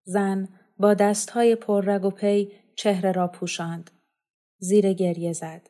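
A woman reading a novel aloud as an audiobook narrator. Her reading is calm and measured, at an even middle pitch.

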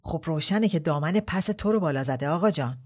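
A woman doing a sharp-tongued, scolding older noblewoman. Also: low voice, lively intonation, slightly rough. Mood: scolding, indignant. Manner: scolding, biting retorts.

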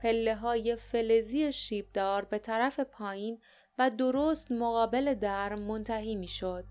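A woman narrating an audiobook in an even, measured reading. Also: a little high. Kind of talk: scripted storybook narration.

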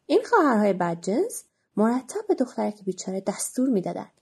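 A woman narrating a children's storybook in an expressive, animated way, with a husky voice. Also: mid-range voice.

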